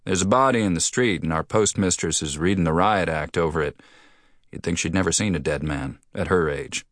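Brief: a laid-back young Western marshal, as a male reader puts him on, drawling and deep. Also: a little fast, a bit bright, no echo, clean studio sound. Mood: easygoing. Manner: drawling, easygoing. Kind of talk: audiobook character voice.

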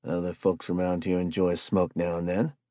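A man's voice: low-pitched, level tone, fairly quick, no room sound, clean studio sound, natural voice. Man doing a wary, grieving homeless man. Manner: soft, guarded and plain-spoken.

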